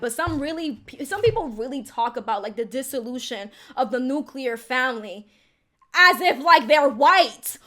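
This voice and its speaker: High-voiced chatty young woman commentator. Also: a bit bright. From Dominican Republic. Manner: chatty, heavy use of "like" as filler. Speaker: video commentator. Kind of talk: casual reaction commentary.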